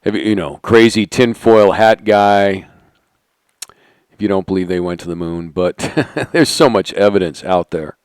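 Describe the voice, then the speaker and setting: A middle-aged man holding a conspiratorial monologue, asking rhetorical questions and sinking into quiet asides. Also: sits low, normal speed, clean tone, no echo. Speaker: channel host. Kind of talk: monologue to camera.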